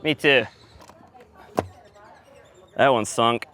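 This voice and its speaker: A sound engineer who also hosts chats casually on location, teasing a little as he explains the work he's doing. His mid-range voice is sharp and very slow. Background noise comes through clearly in the on-location audio.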